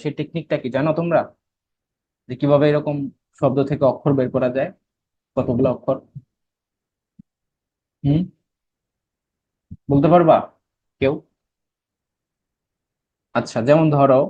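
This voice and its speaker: A man's voice: fairly high pitch, darkish tone, muffled recording. Bangladeshi man teaching English grammar. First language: Bengali. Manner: explains step by step, keeps checking students understand. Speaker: admission test English teacher. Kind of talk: online class lecture.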